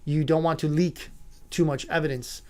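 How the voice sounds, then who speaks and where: High-voiced sarcastic talk-show man. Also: steady tone, normal speed, darkish tone. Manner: sarcastic, mocking asides; rambling, with many fillers and restarts. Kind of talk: opinionated talk-radio commentary.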